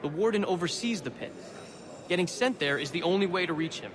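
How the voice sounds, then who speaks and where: A scheming convict forger in a video game, wry and sure of himself. His fairly high voice moves in lively swings as he coaxes, with a busy crowd murmuring around him. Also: fairly quick. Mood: sly, coaxing. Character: wry scheming male convict forger, self-assured plotter.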